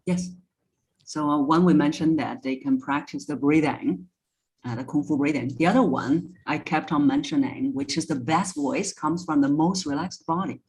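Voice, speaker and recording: In a low-quality recording, a woman with a low, darkish voice talks at a normal speed. She's an interview guest and voice coach, giving conversational expert advice and walking through examples step by step.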